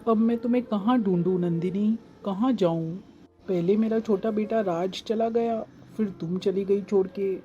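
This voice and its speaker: A woman voicing a grieving, lonely middle-aged father in a cartoon, talking slowly and pleadingly. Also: medium pitch, warm tone, lo-fi sound, a little hiss or hum, natural voice. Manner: sorrowful, slow and pleading. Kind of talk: cartoon voice acting.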